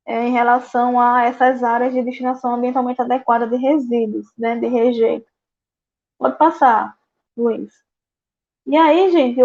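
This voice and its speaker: A woman talks her audience through a slide presentation, her voice pitched high. She leans on constant fillers and starts phrases over again as she goes. The recording sounds dull and muffled. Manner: frequent "né" and "é" fillers, halting restarts. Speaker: guest speaker on waste management. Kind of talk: slide presentation at a public event.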